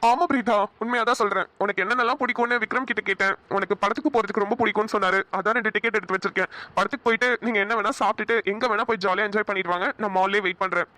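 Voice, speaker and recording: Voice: medium pitch, steady tone, very fast, hardly any pauses, bright, forceful tone, no echo, lightly acted. A voice actor playing Tamil, a helpful young man in a cartoon, who talks bluntly and teases. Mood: kind. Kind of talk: cartoon voice acting.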